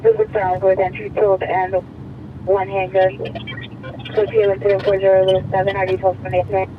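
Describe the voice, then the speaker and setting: A police dispatcher heard over a scanner radio, calling out rapid clipped codes and addresses. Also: mid-range voice, monotone, slight background noise. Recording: muffled scanner heard from a distance.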